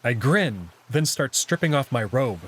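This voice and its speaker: Reading a first-person visual novel aloud, this man speaks a little slowly in a husky voice of middling pitch. He narrates expressively, his pitch moving in a lively way.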